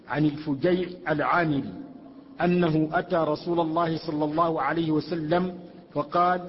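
A man reading a classical text aloud for a lesson, carefully reciting and restarting on hard words. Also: a little high. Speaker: student reader. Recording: echoey hall, muffled lo-fi recording.

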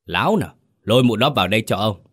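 A man voicing a cruel, bad-tempered old village chief who shouts and scolds. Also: fairly low pitch, lively intonation, fast talker, husky. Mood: angry scolding.

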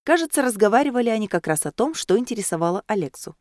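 A woman reads a novel aloud with expressive storytelling, her pitch moving lively through the lines. The recording is close and dry. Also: fast talker, no echo. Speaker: narrator. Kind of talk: audiobook narration.

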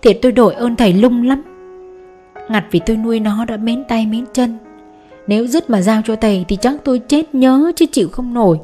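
Give me a sorrowful pleading mother, read by a woman in an audiobook, mellow tone. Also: on the high side, moderate pace, soft background music, close to an everyday voice. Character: grieving poor mother, pleading.

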